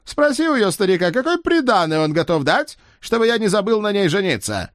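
A man voicing an arrogant young Viking king in an audiobook, boastful and loud. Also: high voice, big pitch swings, fairly quick, no room sound, clean studio sound, pitched above the performer's own voice. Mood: haughty. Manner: haughty, boastful, shouted. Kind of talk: audiobook character voice.

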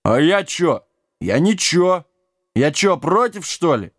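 Man doing a hoarse dim-witted giant. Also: a little high, very animated, slow pace, no room sound, clean studio sound, voice pushed up, full character voice. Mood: gruff. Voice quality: hoarse, muffled. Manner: coarse, slangy, touchy. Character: huge dim-witted rough male giant.

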